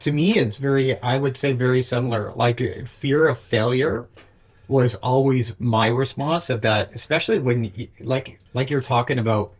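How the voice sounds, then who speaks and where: A man's voice: mid-range voice, normal speed. A man hosting a casual conversational interview, speaking informally and encouragingly. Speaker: podcast host.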